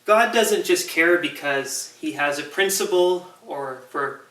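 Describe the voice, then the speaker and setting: A man with a slightly high voice delivers an informal sermon in a very echoey gym. He sounds a little distant from the mic, with a long ring around his words. He explains things emphatically, leaving deliberate pauses. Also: lively intonation, pushed and bright. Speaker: host of a faith series, preacher.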